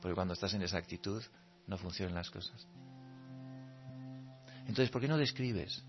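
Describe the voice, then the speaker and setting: A man's voice: sits low, moderate pace, dull audio, soft background music. A man giving a reflective talk on meditation, telling personal stories and acting out his quoted thoughts, often laughing. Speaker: meditation speaker.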